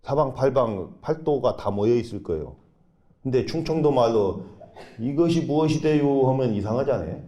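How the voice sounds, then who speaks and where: A man who is a Buddhist monk, preaching a dharma talk and guiding meditation, emphatic, with sudden rises and soft, drawn-out instructions. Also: medium pitch, lively intonation, lo-fi sound. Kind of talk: sermon with guided meditation. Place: temple dharma hall.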